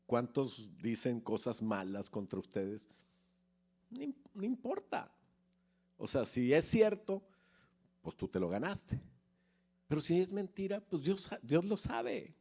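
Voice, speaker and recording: A man's voice: mid-range voice, animated, measured pace, warm tone. Conversational preacher man. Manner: conversational preacher, asks the congregation questions, acts out anecdotes. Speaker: pastor. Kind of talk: sermon.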